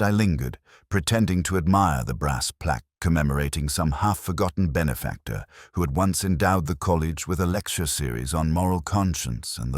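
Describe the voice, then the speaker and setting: A man narrates an audio drama as an ageing, weary police detective, his low voice measured, literary, wry and reflective. The recording is clean studio sound with no echo.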